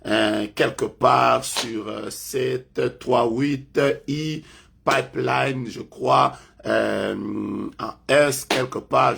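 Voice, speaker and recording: Leading a prayer as a prophet in a live online session, a man speaking French uses a mid-range voice with vocal fry and a breathy edge. He keeps repeating emphatic pronouncements that jump suddenly in loudness.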